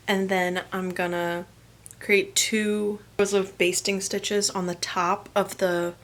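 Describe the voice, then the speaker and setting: A woman's voice: medium pitch, a bit bright, slight background noise. A young woman from New Jersey, chatting casually and rambling through a sewing voiceover, with lots of "like" as she talks. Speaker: sewing and cosplay vlogger.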